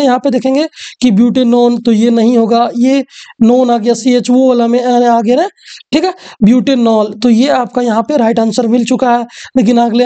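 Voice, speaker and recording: A woman's voice: a little high, dark tone. A woman teacher, walking through exam questions and often asking the students rhetorical questions.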